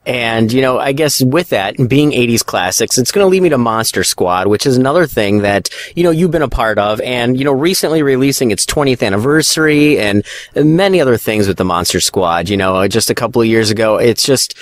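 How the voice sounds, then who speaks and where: A man hosts a radio interview at a mid-range pitch. He strings his questions together loosely, leaning on filler words as he goes. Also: animated, brisk. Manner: wordy, many fillers.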